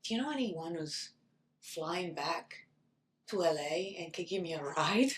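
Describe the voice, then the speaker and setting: A woman from Italy with an Italian accent, a guest telling lively stories and acting out what people said, laughing often. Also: lowish voice, unhurried. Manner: animated, acts out quoted dialogue, laughs often. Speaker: guest, actress and model. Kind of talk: casual interview storytelling. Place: podcast studio. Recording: roomy echo.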